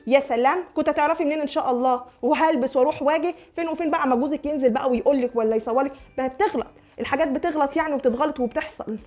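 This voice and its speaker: A woman's voice: high voice, very fast, hardly any pauses, a little mellow, faint music behind. A young woman with an Egyptian accent acting in a comic sketch, coaxing and pushy as she talks a neighbor round. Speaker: comedy sketch creator. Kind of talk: comic one-sided phone-style sketch.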